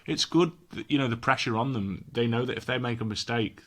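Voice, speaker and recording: A man co-hosting a casual football podcast, talking in a measured way and thinking aloud. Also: mid-range voice, fairly bright tone. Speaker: podcast co-host.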